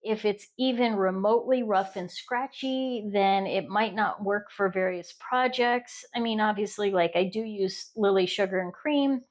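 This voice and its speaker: A woman's voice: medium pitch, unhurried, hardly any pauses. A middle-aged woman from the United States chatting casually on her crochet vlog, rambling with restarts and fillers. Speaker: crochet vlogger. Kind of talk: casual chat.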